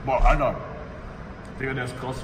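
A man's voice: mid-range voice, level tone, moderate pace, reverberant, long reverb tail, far from the mic, background noise. Young man talking while chewing. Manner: slangy, hyped, addresses viewers and friends directly. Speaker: food vlogger. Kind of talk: casual vlog chat.

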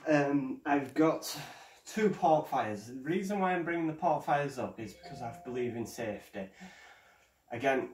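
A man hosts a casual show-and-tell vlog, talking in a hesitant, stumbling way, like someone new to the camera. His voice sits at an ordinary middle pitch. It rings in a roomy space and sounds set back from the mic. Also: expressive, moderate pace, far from the mic, slight background noise. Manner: hesitant, stumbling first-timer. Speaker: fireworks vlogger.

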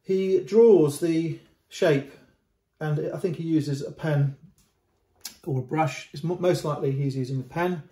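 A middle-aged man with a slightly high, dark-toned voice takes his time presenting a painting to the camera. He's an antiques dealer speaking casually without a script, often repeating words and restarting while pointing at the canvas. The close-up camera recording from a room at home carries a roomy echo.

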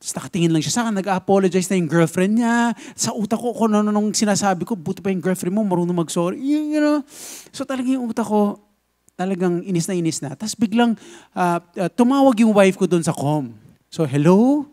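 A pastor with a Filipino accent preaching a sermon, telling a lively story and switching between Tagalog and English. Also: sits high, quick pace.

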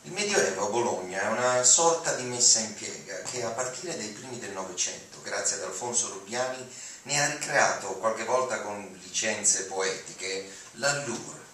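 A young man reads written text dramatically at an auditorium podium, his fairly low voice bright and forceful, with lively intonation at a normal speed. Captured from the audience via the podium mic, the sound is distant, noisy, and very echoey.

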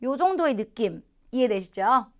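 A Korean woman teaching English phrases to learners, explaining patiently and modeling English phrases slowly. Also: on the high side, big pitch swings.

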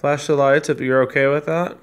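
An amateur paranormal investigator in a hotel room politely coaxes spirits with hesitant questions. His voice sits fairly high and sounds smooth, with a flat, slightly quick delivery. Loud noise covers the recording.

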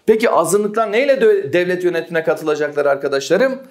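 A man's voice: high-pitched, animated, fairly quick. A man teaching an exam-prep history lesson, often asking his students questions and answering them himself.

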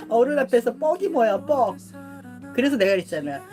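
A middle-aged woman hosts a casual live stream, talking loosely to her viewers with a lively, swooping pitch. She laughs easily and clears her throat often between remarks. Music plays clearly in the background. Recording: music playing behind.

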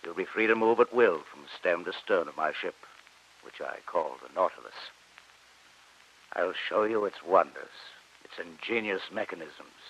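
Captain Nemo, deep and forceful. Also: male voice, normal speed, slightly rough, exaggerated voice. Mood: courteous, commanding. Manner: imperious, formal, theatrical. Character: proud, embittered, commanding submarine captain. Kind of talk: old-time radio drama acting. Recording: muffled old radio recording.

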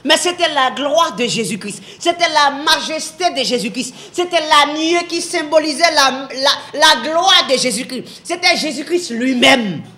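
A woman's voice: high voice, expressive, a little slow, hardly any pauses, sharp tone. A woman giving a televised Bible teaching, emphatic, repeating her phrases and asking the viewers rhetorical questions.

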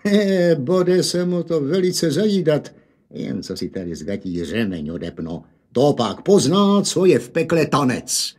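A man voicing a gruff, irritable farmer father with a Hanák dialect, loud and scolding. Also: fairly high pitch, big pitch swings. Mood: angry scolding.

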